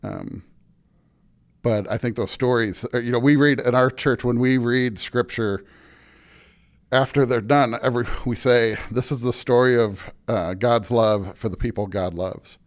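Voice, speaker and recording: With a steady tone and measured pace, an American pastor being interviewed on a podcast speaks in a medium pitch, thoughtful and relaxed as he gropes for the right words.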